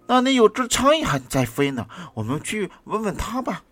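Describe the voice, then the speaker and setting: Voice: mid-range voice, big pitch swings, normal speed, a bit bright, pitched above the performer's own voice. A reader voicing a child's teddy bear in a storybook, eager, coaxing and comforting, over backing music. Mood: reassuring. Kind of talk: storybook reading. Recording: music playing behind the reading.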